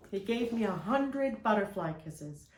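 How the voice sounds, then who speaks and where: A woman at a middling pitch reads a children's picture book aloud, gentle and expressive in her storytelling. Her voice carries a roomy echo. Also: unhurried, slight background noise.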